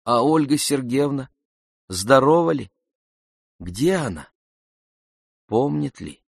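A man voicing an energetic friend who urges loudly and emphatically. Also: mid-range voice, slow, creaky, dry recording, studio quality, voice pushed up, exaggerated voice. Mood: urging. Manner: emphatic, urging, loud. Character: energetic, insistent male friend, forceful.

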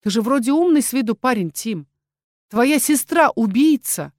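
A woman's voice: on the high side, animated, normal speed, no room sound, studio quality, voice pushed up, close to an everyday voice. A woman reading a storybook voices a cold young woman who accuses in a cutting tone. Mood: icy.

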